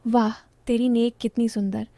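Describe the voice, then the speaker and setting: A woman's voice: a little high, flat delivery, normal speed, creaky, mellow, no echo. A woman voicing a teasing young man.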